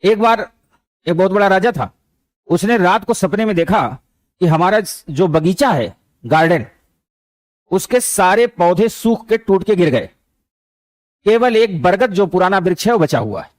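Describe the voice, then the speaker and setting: A man's voice: high voice, animated, a little slow, long pauses, no echo. A man teaching a motivational lesson, speaking conversationally and weaving in anecdotes and stray English words. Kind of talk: motivational lecture with storytelling.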